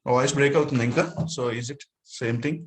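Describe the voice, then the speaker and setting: A man's voice: medium pitch, brisk. A man with a Telugu accent teaching an online class, mixing Telugu and English, his voice breaking up over a bad connection. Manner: explains step by step, mixing Telugu and English with frequent "okay" and "right?". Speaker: data analytics instructor. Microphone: online call.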